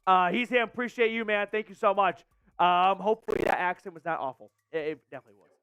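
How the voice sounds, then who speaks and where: A man's voice: high voice, fast, smooth, dry recording. A man hosting a live fan watch-party stream, calling the plays and hyping his chat. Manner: excitable, hypes chat and reads super chats. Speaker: fan channel host doing live play-by-play. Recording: dry close mic with faint music.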